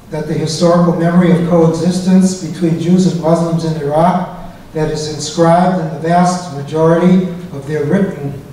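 A man's voice: on the high side, mellow, slight background noise. Man reading a lecture in an echoey hall. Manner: measured, academic delivery. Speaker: guest lecturer. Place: lecture hall stage, at a podium. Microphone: lapel mic and podium mic. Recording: echoey hall, slightly distant.

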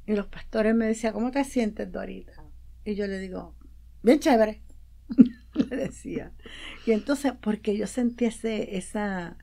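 A woman's voice: medium pitch, warm tone. A woman guest on a radio show, telling a personal story with feeling and acting out the dialogue she quotes. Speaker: guest, promoter and publicist. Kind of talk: casual interview talk. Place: radio studio.

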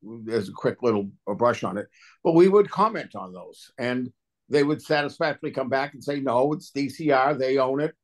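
On a remote video call for a virtual public hearing, a water and sewer agency official speaks in an animated, mid-range voice at a moderate pace. He describes technical review work informally, in plain colloquial terms, as an official would.

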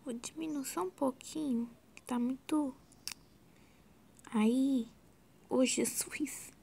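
A Brazilian woman guides viewers through video editing in a casual screen-recorded tutorial, drifting in a scattered way, often dropping to a soft whisper and exclaiming to herself. Her voice is high-pitched and gravelly, her pace slow, with slight background noise.

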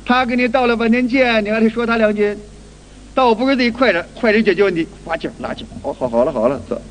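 High-voiced man teaching in a reverberant hall. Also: fast talker, a little hiss or hum. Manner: acts out little everyday scenes; repeats and restarts phrases. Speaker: qigong teacher. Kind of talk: spoken lecture.

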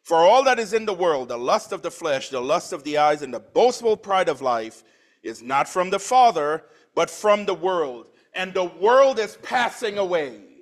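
A man's voice: sits high, sing-song, normal speed. A man in his forties from Trinidad, preaching a sermon in church, reading scripture with swelling emphasis and dropping into plain conversational asides. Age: 40s.

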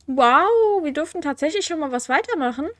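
At home with a cold, a young woman hosts a let's play, chatting casually through the game and reading quest text aloud. She's chatty and wry, full of fillers and self-corrections. Her high-pitched voice is animated and brisk, captured in studio quality with no echo.

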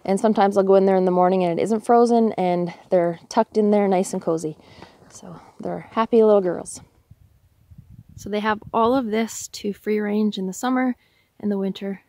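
With a medium-pitched voice and moderate pace, a forties-aged Canadian woman explains her chores in a casual how-to vlog about homesteading. She's outside by a snowy hen house, filming on a handheld phone, and her manner is easygoing, talkative and reflective as she thinks aloud.

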